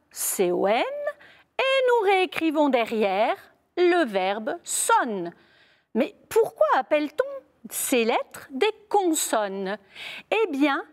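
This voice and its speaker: A woman teacher giving a slow, clearly articulated spelling dictation, stressing each word she repeats. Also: high-pitched, big-room sound. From France. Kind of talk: spelling lesson video.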